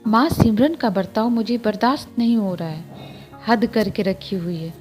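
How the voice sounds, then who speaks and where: A woman's voice: mid-range voice, normal speed, darkish tone, soft background music, natural voice. A woman voicing a short-tempered young husband who complains curtly. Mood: angry. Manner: curt, complaining.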